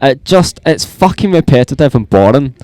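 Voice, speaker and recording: A man's voice: medium pitch, sing-song, moderate pace, darkish tone, no echo. A young man co-hosting a podcast, joking bluntly and swearing freely in casual banter. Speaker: podcast co-host.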